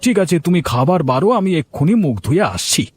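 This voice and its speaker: A man's voice: fairly high pitch, expressive, quick pace, darkish tone, breathy edge. A man voicing a lazy, good-natured village shopkeeper husband in a cartoon story, grumbling and coaxing his wife. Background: background music.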